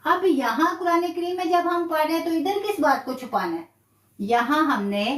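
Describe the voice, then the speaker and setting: A woman's voice: a little high, a bit bright, echoey room, distant mic. A woman teaching a live online Quran recitation lesson, patiently explaining rules step by step and drilling letters one by one. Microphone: live stream.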